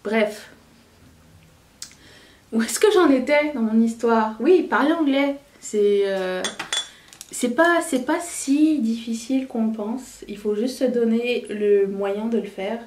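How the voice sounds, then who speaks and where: A woman's voice: a little high, slow, darkish tone, far from the mic. Chatty woman vlogging in a roomy space. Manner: chatty and candid, often restarting sentences. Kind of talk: casual chat to camera. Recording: roomy, voice a bit away from the mic.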